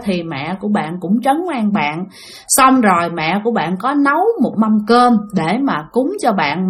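Speaking straight to her listeners, a woman with a Southern Vietnamese accent narrates a ghost story conversationally. Her voice is mid-range and a bit bright.

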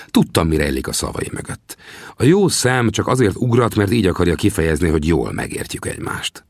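Gravelly-voiced male audiobook narrator. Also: low-pitched, no room sound, clean studio sound. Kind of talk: scripted narration.

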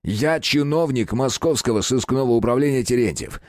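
A man voicing a gruff police detective who barks curt, commanding orders. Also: mid-range voice, moderate pace, no echo, clean studio sound, voice pushed up, close to an everyday voice. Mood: commanding, stern.

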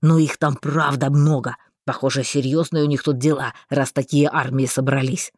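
A woman voicing an impulsive young male fire mage who is eager and quick to flare up. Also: very deep voice, fairly even intonation, a little mellow, husky, no echo, studio quality, pitched below the performer's own voice.

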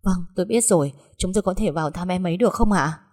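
A woman's voice: fairly low pitch, fast talker, lightly acted. A woman doing a raging peasant sister. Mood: anxious polite. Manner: shouting, threatening. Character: furious hot-tempered peasant woman, older sister.

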